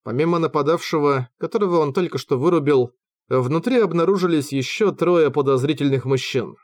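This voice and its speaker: A man narrating a fantasy audiobook in a steady, measured reading, recorded at home on a close microphone. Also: fairly high pitch, no room sound.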